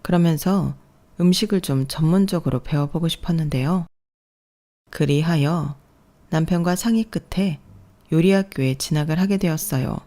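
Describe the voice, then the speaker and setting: A woman reads a first-person radio story, calm and confiding. Her voice sits low and mellow, steady throughout the telling. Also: moderate pace. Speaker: story narrator.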